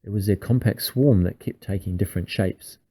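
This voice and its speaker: A man reading a bedtime story aloud in an unhurried, hushed storytelling manner. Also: low-pitched, husky, poor audio. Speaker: reader.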